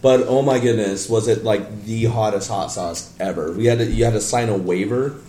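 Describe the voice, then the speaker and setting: A man's voice: on the low side, normal speed, dark tone. A man joking around in a casual podcast chat, playful and laughing often. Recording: roomy echo.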